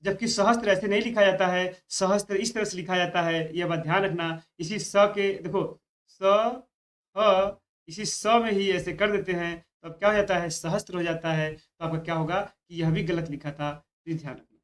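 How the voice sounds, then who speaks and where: A man's voice: sits high, fairly even intonation, normal speed, fairly bright tone. A man teaching Hindi spelling for an exam, stretching out each key word and often repeating that students should keep it in mind. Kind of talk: spoken exam-prep lesson.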